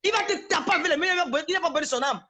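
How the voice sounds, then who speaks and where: A woman's voice: extremely high pitch, expressive, rapid-fire, fairly bright tone. A woman, hurling insults in a confrontational live-stream rant. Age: 40s. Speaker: social media personality.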